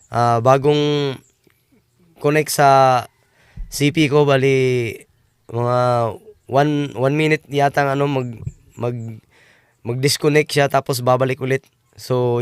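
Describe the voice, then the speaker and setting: A man from the Philippines hosting a casual reaction video, rambling with filler pauses and a strained voice from a cough. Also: mid-range voice, clean tone, dry recording, clean studio sound. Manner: rambling, many filler pauses, calls viewers friends.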